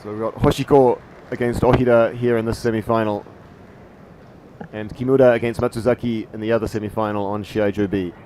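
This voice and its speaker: A man's voice: on the low side, little pitch movement, a little fast, slight background noise. New Zealand man doing hesitant kendo commentary. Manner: hesitant, many fillers, trails off quietly. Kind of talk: live sports commentary.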